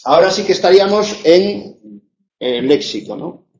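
A man's voice: high voice, animated, measured pace, a crowd in the background. A man from teaching a live online grammar lesson, explaining with jokey asides and checking in often with "eh?" and "no?". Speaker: Spanish language teacher. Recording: echoey, distant, dull room sound.

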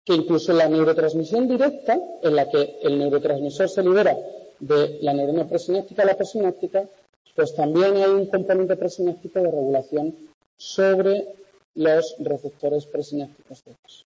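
Long, echoing reverb surrounds a man from Spain with a Spanish accent as he lectures. His voice is high and somewhat mellow. He talks conversationally to his class, often checking that they understand. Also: moderate pace, slightly rough. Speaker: university lecturer. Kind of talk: interactive lecture to class and remote students. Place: large echoey classroom. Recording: echoey classroom, long reverb, dull sound.

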